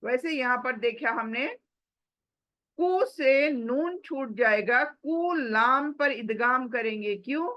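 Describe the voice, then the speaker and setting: A woman teaching a tajweed class, patiently explaining rules step by step and sounding out recitation examples slowly, mixing English words into her talk. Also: sits high, fairly bright tone, muffled recording. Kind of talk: slow step-by-step recitation lesson.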